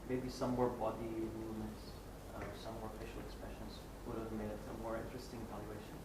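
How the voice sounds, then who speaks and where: A man's voice: on the low side, monotone, brisk. A nervous man from the audience giving an evaluation, hesitant and full of fillers. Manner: hesitant, filler-heavy, self-aware. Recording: echoey hall from far off with room noise.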